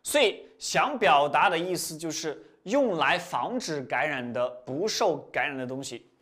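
In a recorded vocabulary lesson, a man with a somewhat high voice speaks a little slowly as he explains word roots with lively repetition. He often rises in pitch for emphasis and lets the ends of his phrases trail off.

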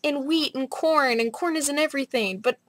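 High-voiced young woman chatting casually. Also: fairly quick, a bit bright, no echo, studio quality. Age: young adult. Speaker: vlogger. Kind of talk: casual rambling vlog chat. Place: small bright room at home, indoors.

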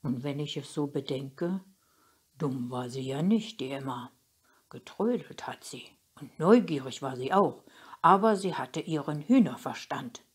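A woman voicing a gruff, thoughtful old grandfather in a storybook reading, musing and grumbling as he talks. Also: rumbling low, animated, unhurried, heavily acted.

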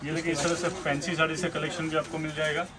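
A man in his thirties rattles off prices and fabrics in a quick, slightly high voice, like a seasoned shopkeeper. He is recorded in a big indoor store with customer chatter around him. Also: flat delivery. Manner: brisk salesman patter, listing prices. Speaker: shop owner. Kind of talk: sales pitch walkthrough. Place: large indoor saree shop. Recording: crowd noise in busy shop. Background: busy shop chatter.

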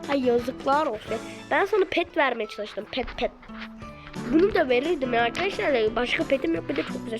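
A woman hosting a gaming video, chatting excitedly and addressing her viewers as she plays. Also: high voice. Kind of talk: casual game commentary to viewers. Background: background music.

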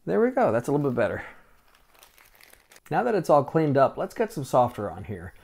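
A mid-range male voice, a little fast with some vocal fry. He's in his forties and hosts a vintage computer channel, chatting relaxedly through a hands-on restore at a desk in a small room. He wears a lapel mic and drops lots of "uh" fillers.

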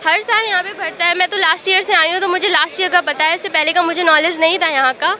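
Young woman, very high voice, bright and forceful tone, earnest, from Uttar Pradesh, street interview. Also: fairly even intonation, fast, some chatter behind. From Uttar Pradesh, India. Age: young adult. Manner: earnest, mixes English words into Hindi. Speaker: civil service exam student at a protest. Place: outdoor city street protest.

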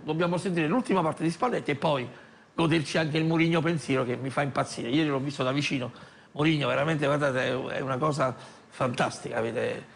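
A man. His voice is fairly high and full of creak, and his delivery halts often. There is faint noise behind him. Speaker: TV host. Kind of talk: live sports talk show presenting. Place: TV studio. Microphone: lapel.

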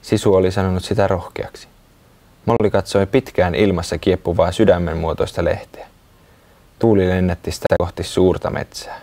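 A man reading a children's story aloud in a calm, unhurried way. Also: low-pitched, gravelly.

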